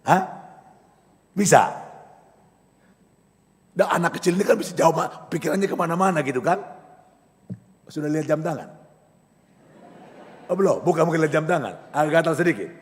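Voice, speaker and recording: Animated Indonesian pastor in a reverberant hall. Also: male voice, on the high side, moderate pace, pauses often. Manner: animated storytelling with sudden loud outbursts and laughter. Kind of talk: sermon. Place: church hall.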